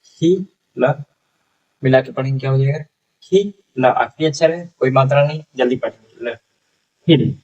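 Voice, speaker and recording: A man teaching a beginners' reading lesson, sounding out syllables slowly, repeating each word and often checking that the class follows. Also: medium pitch, darkish tone, recorded from a distance, highs cut off.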